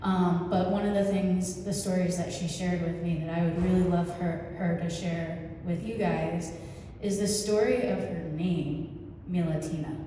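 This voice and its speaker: A woman's voice: on the low side, steady tone, measured pace, hardly any pauses, mellow. A woman hosting an event, introducing a guest in a friendly way with many fillers. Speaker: event host. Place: church hall. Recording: distant echoey hall with faint noise.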